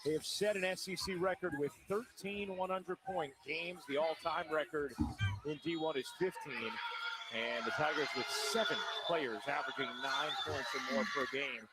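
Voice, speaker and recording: A man calling a basketball game live as play-by-play commentator, in brisk, measured calls. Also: a little high. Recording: TV broadcast audio with loud noise.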